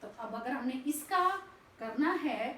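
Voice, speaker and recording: A woman teacher slowly and patiently spelling out words sound by sound, asking and answering her own questions. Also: high-pitched, lively intonation, fairly bright tone, recorded from a distance. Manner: slow, patient, spells out each sound step by step. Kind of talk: classroom lesson explaining spelling. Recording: echoey room, voice off-mic, faint background noise.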